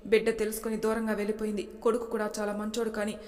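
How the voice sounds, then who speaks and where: A woman's voice: medium pitch, completely flat delivery, fast talker, darkish tone, close to an everyday voice. A woman voicing a young wife and mother in distress, pleading and tearful, close to her own voice. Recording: long reverb.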